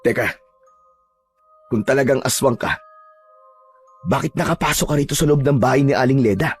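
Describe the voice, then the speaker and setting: A man's voice: mid-range voice, moderate pace, faint music behind. A man narrating a first-person horror story and speaking his own lines bluntly and warily, in a tough, streetwise way. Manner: blunt, tough-talking, wary, with short laughs.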